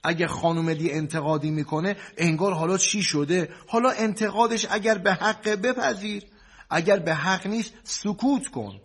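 A man with a fairly high voice plays a cleric counselor. He lectures a couple in a preachy, soothing tone and stacks his advice in repetitive lists. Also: slightly rough. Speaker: cleric marriage counselor in a sketch. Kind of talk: comic sketch, preachy advice.

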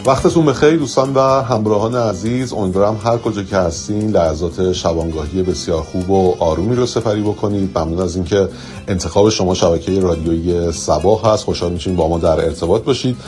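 A man's voice: low-pitched, darkish tone, faint music behind. A man making formal, courteous station announcements as a radio announcer in a studio. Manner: smooth, courteous.

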